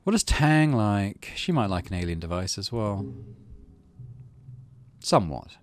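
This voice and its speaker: A middle-aged man who hosts a gaming channel talks casually through a video game in a low voice, a little slowly. His intonation moves around a lot, sliding from dry muttering to himself into animated reading of on-screen text. There's no room sound.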